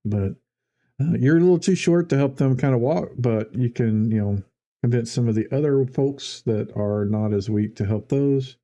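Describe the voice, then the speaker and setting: Male game master, deep mellow tone, casual tabletop narration. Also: normal speed, dull audio. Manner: loose, conversational scene-setting.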